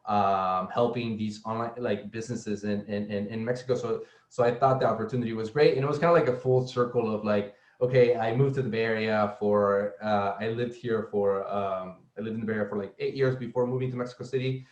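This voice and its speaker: Speaking in a steady, low-leaning voice, a young software engineer from El Salvador joins a casual panel as a guest. He falters often, repeating words and using many fillers, and the recording is muffled and reverberant.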